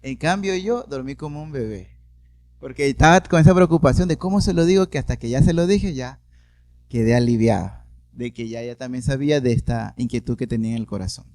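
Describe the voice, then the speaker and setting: A man, a priest, telling his personal story in a podcast interview, with animated storytelling and light laughs. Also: medium pitch, brisk.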